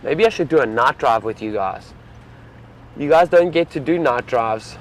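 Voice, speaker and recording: A man's voice: mid-range voice, expressive, normal speed, slight background noise. A young man, a safari field guide, chatting casually and enthusiastically to live-stream viewers from an open vehicle outdoors.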